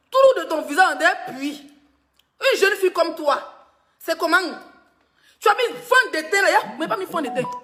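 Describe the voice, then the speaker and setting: A woman's voice: sits high, fairly bright tone. A woman blogger, giving teasing gossip commentary on a live stream and laughing often.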